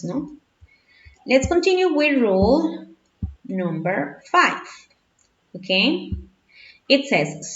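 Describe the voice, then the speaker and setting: Slow, echoey woman teaching English. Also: medium pitch. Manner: patient, checks in with "¿ok?" often. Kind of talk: bilingual grammar lesson. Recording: echoey, distant, dull lo-fi sound.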